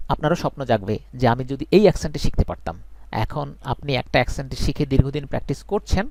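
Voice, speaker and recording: Earnest teacher, higher voice. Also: male voice, a little mellow, no room sound. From Bangladesh. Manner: earnest, reassuring, repeats points for emphasis. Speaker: English teacher. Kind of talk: live online class.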